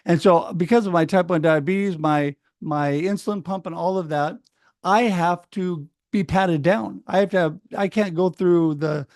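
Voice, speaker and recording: Man, fairly high voice, dry sound, middle-aged, from Oregon, animated storytelling, acts out others' lines, video call. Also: normal speed, dry recording. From Oregon, United States. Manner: animated, acts out other people's words, laughs often. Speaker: speaker sharing his story. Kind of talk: casual storytelling talk.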